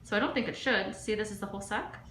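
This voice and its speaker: A woman's voice: medium pitch, quick pace, sharp tone, a little hiss or hum. A middle-aged woman dermatologist chatting and telling stories while she works on a patient in a medical office, often dropping to a murmur. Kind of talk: chatting while performing a procedure.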